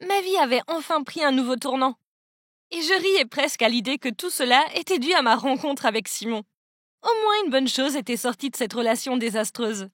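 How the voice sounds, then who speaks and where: A young woman reads a first-person story in a scripted, dramatic way, full of exclamations. Her voice is high, bright and sharp. The recording is very dry and close. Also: animated, moderate pace, no room sound. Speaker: narrator.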